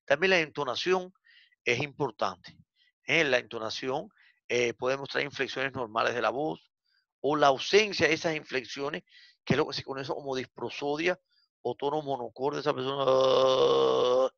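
A male lecturer with a bright, gravelly voice works through a psychiatry lesson at a measured pace, filling pauses with "eh" and calling on his students directly. The sound is dry and a little dull, with a lo-fi edge. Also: mid-range voice, dry recording. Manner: explanatory, frequent "eh" fillers, addresses class as "señores". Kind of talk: university lecture.

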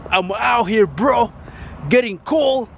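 A man's voice: very high-pitched, takes it slowly, gravelly, fairly bright tone, lo-fi sound. A man doing a casual daily vlog in and around his car, rambling and calling viewers guys and bro, and fumbling through repeated greetings. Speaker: vlogger. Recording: noisy with car and street sounds.

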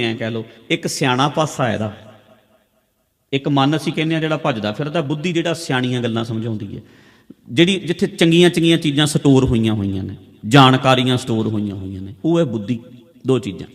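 A man's voice: mid-range voice, fairly quick, in a large hall. A man with a Punjabi accent giving a religious discourse, explaining with everyday examples and repeating key phrases. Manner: conversational, repetitive teaching with everyday examples. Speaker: preacher. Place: large hall with a congregation.

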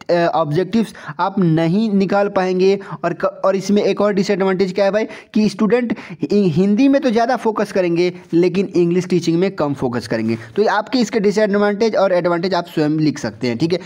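Male tutor, high-pitched, exam-prep lecture; reads definitions slowly, then explains them, with rhetorical questions. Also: darkish tone. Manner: asks rhetorical questions to the viewer. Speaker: teacher.

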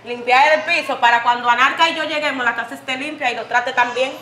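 Woman as a sassy spoiled mistress, shrill fast voice, roomy echo. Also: steady tone, bright, forceful tone, slight background noise. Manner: sassy, bossy, sugary "mi amor". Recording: echoey room.

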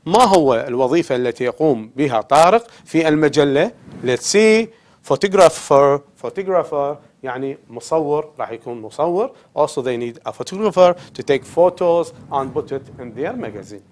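A man's voice: fairly high pitch, expressive, unhurried, darkish tone. A man with an Iraqi Arabic accent teaching an English lesson on television, explaining in a mix of Arabic and English and often checking "okay?".

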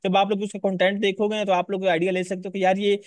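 Higher-voiced man teaching casually. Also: flat delivery, quick pace, dry recording. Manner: casual, repetitive, addresses viewers directly. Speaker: online course instructor. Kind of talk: live screen-share tutorial.

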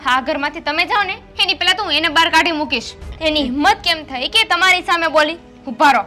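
A young woman with a Gujarati accent playing a sharp-tongued, demanding daughter-in-law. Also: extremely high pitch, a little fast, faint music behind. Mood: indignant. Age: young adult. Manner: demanding, shouting at in-laws.

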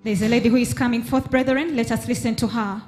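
A woman's voice: fairly high pitch, fairly even intonation, quick pace, soft background music. A woman giving running commentary during a deliverance service, announcing in a declarative way. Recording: echoey hall with loud noise.

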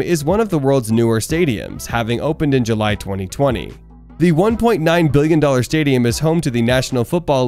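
A man's voice: medium pitch, darkish tone. Man narrating a countdown over music. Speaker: narrator of a top ten list channel. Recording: voice-over with faint background music.

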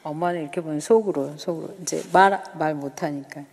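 A woman's voice: low voice, brisk, darkish tone. A woman in her fifties from the Gyeongsang region, a missionary giving an emotional church testimony. She tells her story by acting out remembered dialogue and sometimes drops to a whisper. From Gyeongsang, South Korea. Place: church worship hall. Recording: reverberant church hall.

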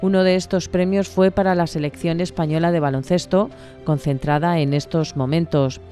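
Mellow-voiced woman reading a news report. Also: lowish voice, soft background music. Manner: even, measured reporting. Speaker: news narrator. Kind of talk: scripted news voice-over.

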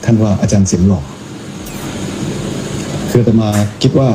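A low-voiced male monk chats casually and teases with a joking manner. Clear background noise runs behind his voice throughout. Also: moderate pace. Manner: teasing, joking. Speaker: Buddhist monk. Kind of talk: casual mocking commentary.

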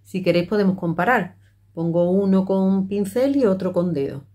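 A woman's voice: medium pitch, normal speed, dark tone. A middle-aged woman, chatting her way through a makeup tutorial with many fillers and restarts. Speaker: makeup vlogger.

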